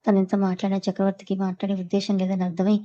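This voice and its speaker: A woman narrating a serialized romance audio novel in a brisk, even reading style. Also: mid-range voice, highs cut off. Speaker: storyteller.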